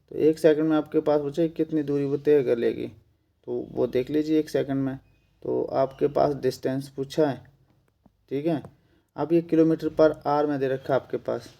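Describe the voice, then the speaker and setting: A man's voice: medium pitch, vocal fry, mellow. A man with a Himachali Hindi accent teaching an exam-prep maths lesson, patiently repeating steps and working sums aloud.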